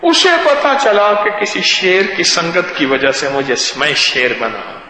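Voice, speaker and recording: A man preaching a sermon, telling stories and swinging between loud and hushed. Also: a little high, big pitch swings. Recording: echoey hall.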